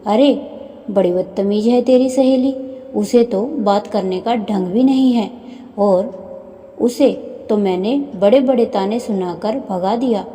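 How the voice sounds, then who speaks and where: A woman's voice: medium pitch, takes it slowly, close to an everyday voice. Woman voicing a taunting old mother-in-law. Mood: scolding. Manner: taunting, sharp-tongued. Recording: long hall reverb.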